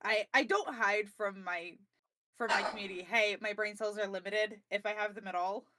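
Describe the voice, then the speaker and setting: A woman's voice: medium pitch, steady tone, moderate pace, bright, forceful tone, a little hiss or hum. Blunt, self-mocking woman streamer. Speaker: podcast guest, streamer. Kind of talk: casual podcast chat.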